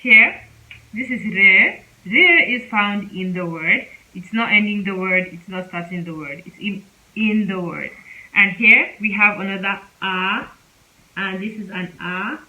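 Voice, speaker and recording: A woman teaching a casual spoken lesson, speaking slowly and repeating example words several times. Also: mid-range voice, pushed and bright, muffled recording. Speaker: Korean language teacher.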